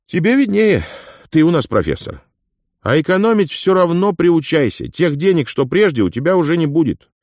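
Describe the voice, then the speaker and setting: A man reading an audiobook and voicing a boisterous, talkative older male companion who lectures in a lively raised voice. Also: fairly high pitch, moderate pace, no echo, clean studio sound, pitched above the performer's own voice. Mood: lecturing. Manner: loud, lively, mentoring.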